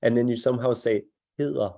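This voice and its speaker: A man's voice: medium pitch, moderate pace, dark tone. A man teaching a live beginner language class, patient and encouraging as he explains pronunciation step by step. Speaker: Danish teacher.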